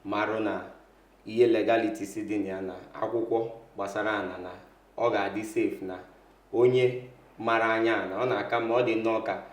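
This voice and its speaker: A Nigerian man with an Igbo accent speaks in a fairly low voice, explaining conversationally as an interview guest. He moves back and forth between Igbo and English. The room adds a noticeable echo. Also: fairly even intonation, brisk. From south-eastern Nigeria. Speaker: interview guest, real estate lawyer. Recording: echoey room.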